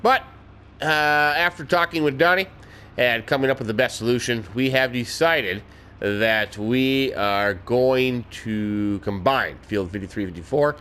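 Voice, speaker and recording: Speaking at a measured pace, a man with a mid-range, slightly bright voice offers casual commentary on his farming game. The recording is clean, though his nose sounds a little blocked. As a let's play host, he comes across folksy and chatty, now and then letting out mild exclamations.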